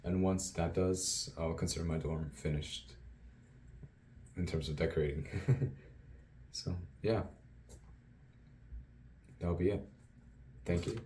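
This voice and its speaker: A man's voice: deep voice, slow pace, long pauses, mellow, slight background noise. A young man, a university student, telling his day in a rambling, self-amused diary vlog, laughing often. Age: young adult. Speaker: student vlogger.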